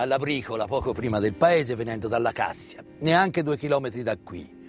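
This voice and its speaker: A man with a fairly high voice performs a scripted narrative on stage, speaking in a measured, theatrical way and setting phrases apart with deliberate pauses. Faint live instrumental music plays behind him.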